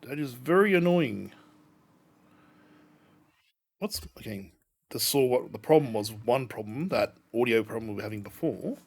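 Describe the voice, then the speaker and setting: A man's voice: medium pitch, lively intonation, moderate pace, pauses often, breathy edge. A man chatting casually on a game livestream, rambling in a mildly exasperated way. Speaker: game streamer.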